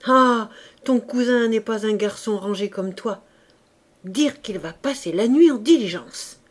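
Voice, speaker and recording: A fussy, prudish old spinster aunt, as a woman reader puts her on, her exclamations pitched up and stretched out. She fusses over her nephew in a storybook reading. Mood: curious. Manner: exclaiming, raised and drawn-out.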